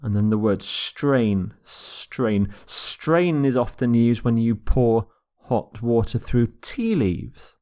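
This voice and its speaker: A man teaching English vocabulary in a recorded lecture, repeating each word slowly and carefully for pronunciation. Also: mid-range voice. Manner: slow, deliberate, repeats words for pronunciation.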